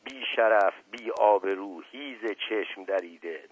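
A man doing a shrill scolding old woman. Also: breathy edge, dry recording. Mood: shrieking. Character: sharp-tongued scolding older woman. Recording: tinny radio broadcast.

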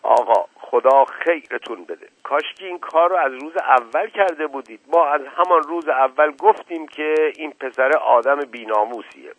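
A man's voice: fairly high pitch, expressive, hardly any pauses, a bit bright, no room sound, voice pushed up. Man doing an eager, servile old servant. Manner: deferential, eager. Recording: tinny dry radio recording.

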